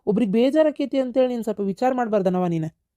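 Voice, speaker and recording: A woman doing a reproachful young village woman, North Karnataka accent, rapid talk, mellow tone. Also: a little high, dry recording, studio quality, natural voice. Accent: North Karnataka Kannada. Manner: reproachful, firm. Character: level-headed young woman scolding her mother. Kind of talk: cartoon voice acting.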